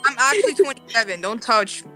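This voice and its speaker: A woman's voice: on the high side, big pitch swings, brisk, over music. A woman in a casual gaming podcast chat, blunt, profane and defensive.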